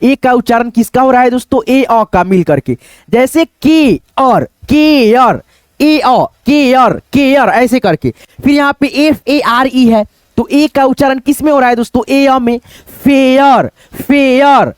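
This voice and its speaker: Teacher, male, very high voice, spells words out slowly, close dry mic. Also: clear, resonant tone, no room sound. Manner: spells words out letter by letter, keeps asking "दोस्तों". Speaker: English teacher. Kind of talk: spoken lesson.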